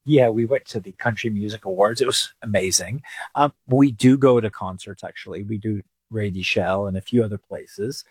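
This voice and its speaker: A man raised in England, a financial advisor answering interview questions in a relaxed, thoughtful way. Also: fairly low pitch, normal speed, breathy edge, dry recording.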